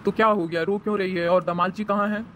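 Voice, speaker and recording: A woman's voice: medium pitch, steady tone, quick pace, a bit bright, slight background noise, close to an everyday voice. A woman voicing a caring, protective middle-aged mother in a cartoon story, who questions her daughter in a worried, indignant way.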